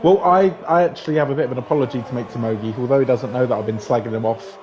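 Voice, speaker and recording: A man's voice: medium pitch, very fast. A man with a London accent commentating on a live sim-racing league, chatty and joking with his co-host. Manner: chatty, jokey banter with co-host. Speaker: race commentator.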